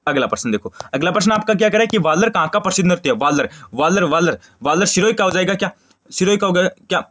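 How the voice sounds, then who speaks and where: A young man from Rajasthan, teaching an online exam-prep lesson and drilling questions and answers rapidly, repeating each answer. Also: sits high, animated, a bit bright. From Shekhawati, Rajasthan.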